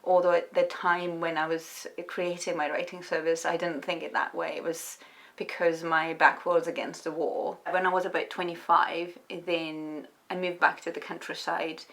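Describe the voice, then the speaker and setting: Pausing often and restarting her thoughts, a writer from Estonia responds to interview questions in a reflective, hesitant manner. She has a low, creaky voice with a fairly bright tone.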